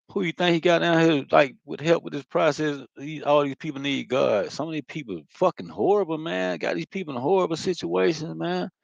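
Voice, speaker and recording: A man's voice: mid-range voice, vocal fry, no room sound, muffled recording. A man giving a loose, profane spiritual monologue, talking casually with lots of fillers. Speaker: spiritual vlogger.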